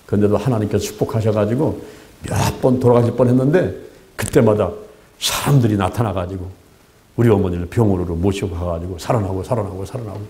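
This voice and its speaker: A man's voice: fairly low pitch, brisk, dark tone, a little hiss or hum. An older man preaching a sermon as a pastor, emphatic and repetitive, asking the congregation rhetorical questions. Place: church.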